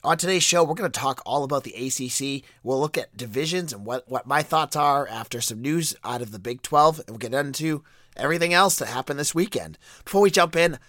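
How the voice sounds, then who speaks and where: A man's voice: animated, a little fast, fairly bright tone, no echo, studio quality. Congested male podcast host with a stuffy nose. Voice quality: voice squeaks and cracks a little. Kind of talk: solo sports podcast commentary.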